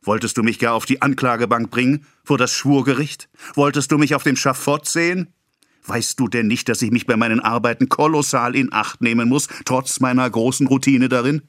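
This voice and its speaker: A male narrator voicing a pompous, excitable middle-aged apothecary who rants and scolds in a self-important way. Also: a little high, takes it slowly, few pauses, no room sound, clean studio sound, voice pushed up, exaggerated voice. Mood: scolding. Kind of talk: audiobook character voice.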